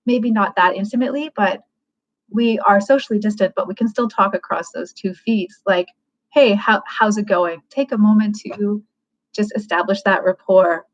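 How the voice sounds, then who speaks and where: Woman, casual livecast advice, frank, thinking aloud, fillers, middle pitch, dull lo-fi audio. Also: normal speed. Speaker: livecast host giving advice.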